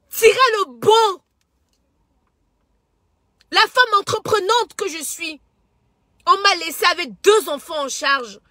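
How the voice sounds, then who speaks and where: Cameroonian woman in her thirties, high-pitched and sharp, preachy social media rant, dry close sound. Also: no room sound. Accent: Cameroonian French. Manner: impassioned, preachy, stumbles and repeats words. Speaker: social media personality and entrepreneur. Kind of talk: emotional direct-to-camera social media monologue.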